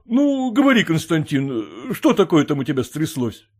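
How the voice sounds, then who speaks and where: A man voicing an educated gentleman who firmly and wearily refuses a request. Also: fairly high pitch, huge pitch swings, moderate pace. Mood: refusing. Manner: refusing, exasperated. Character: educated gentleman, reluctant and firm.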